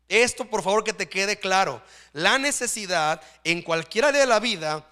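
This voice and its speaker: A man's voice: high voice, sharp tone. A man preaching a sermon in church, often checking in with his listeners. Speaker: pastor.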